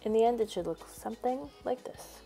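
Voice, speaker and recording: A woman's voice: on the high side, fairly quick, gravelly, loud music behind the voice. A woman teacher narrating a screencast tutorial, explaining each step in an upbeat way. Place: voice-over over a screen recording.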